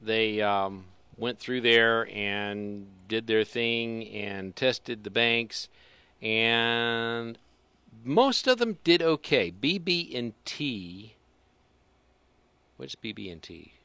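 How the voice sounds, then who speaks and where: A man's voice: mid-range voice, drawn-out words, pushed and bright, clean tone, no echo. A man co-hosting a casual finance talk show, rambling and dryly sarcastic. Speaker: co-host.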